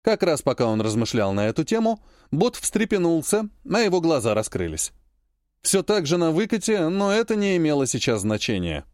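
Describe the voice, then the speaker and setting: A man giving scripted, expressive narration of an audiobook. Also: a little high, normal speed, dry recording, studio quality.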